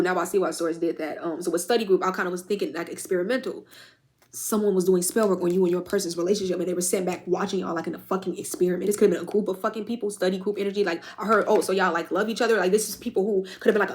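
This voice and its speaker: A young adult woman running through a tarot reading at a quick clip, her voice sitting at an ordinary middle pitch. She talks in a loose, slangy way, swears often and speaks directly to the people watching. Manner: chatty, slangy and profane, addresses viewers directly. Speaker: tarot reader. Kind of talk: casual spiritual reading.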